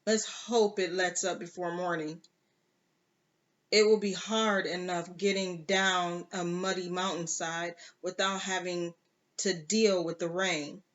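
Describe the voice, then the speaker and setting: A reader voicing a rough, cynical pirate captain who gives gruff, matter-of-fact orders, slow and plainly read. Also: mid-range voice, flat delivery, a bit bright, dull audio.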